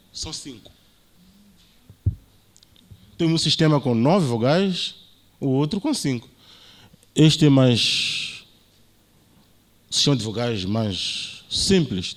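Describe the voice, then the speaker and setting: A man with a Mozambican Portuguese accent, a university lecturer giving an academic talk and explaining points with frequent tag questions. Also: medium pitch.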